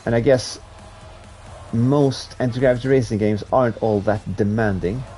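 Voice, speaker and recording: Faint music sits beneath the mid-range voice of a young Swedish streamer with a Swedish accent, speaking at a normal speed. As he plays a racing game live, he chats casually with viewers, relaxed and rambling and sometimes restarting.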